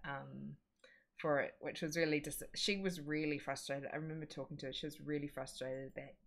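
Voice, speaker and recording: A woman co-hosting a livestream, talking casually in a friendly, chatty way. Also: low voice. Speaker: livestream co-host.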